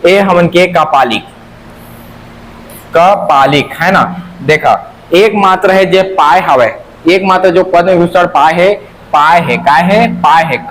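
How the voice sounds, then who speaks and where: A man's voice: on the high side, a bit bright, slight background noise, poor audio. A man teaching an exam-prep class with a Chhattisgarhi accent, drilling answers by repeating them in a sing-song and asking and answering his own questions.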